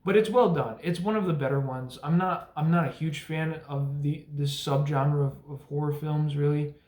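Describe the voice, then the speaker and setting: A man's voice: on the high side, fairly even intonation, moderate pace, darkish tone. Rambling young man with a roomy echo. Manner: rambling, frequent fillers and restarts, blunt profanity. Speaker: movie reviewer. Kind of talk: casual spoken review.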